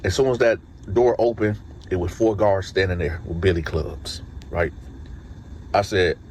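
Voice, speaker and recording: Low-voiced man telling a street story. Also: measured pace, slight background noise. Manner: animated, acts out dialogue, streetwise slang. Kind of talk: casual storytelling.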